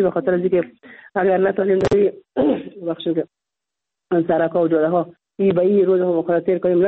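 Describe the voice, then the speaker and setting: A woman with an Afghan Dari accent, a guest calling into a radio show, making an earnest, insistent appeal and often repeating herself. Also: fairly low pitch. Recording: tinny phone line.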